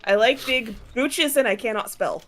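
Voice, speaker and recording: A woman's voice: fairly high pitch, normal speed, slight background noise. A woman in her thirties chatting during a co-op game, giggly and teasing. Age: 30s. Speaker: co-op player. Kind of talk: casual gaming chat.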